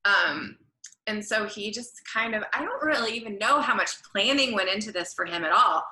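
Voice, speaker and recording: Bright chatty woman, roomy sound. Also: mid-range voice, expressive, moderate pace. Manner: chatty, rambling, self-correcting. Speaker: podcast guest, florist and creative director. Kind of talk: casual storytelling interview.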